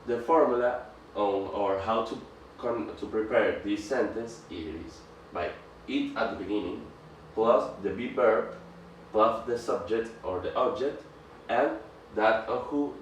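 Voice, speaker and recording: Low-voiced man presenting a grammar lesson, echoey. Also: recorded from a distance. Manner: halting, restarts phrases, reads example sentences aloud. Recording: echoey room, off-mic, faint background noise.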